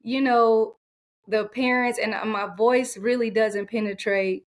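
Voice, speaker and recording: A soft-spoken woman coach talking in an interview, with many fillers and restarts. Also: mid-range voice, steady tone, normal speed. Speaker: coach, podcast guest. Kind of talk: conversational interview.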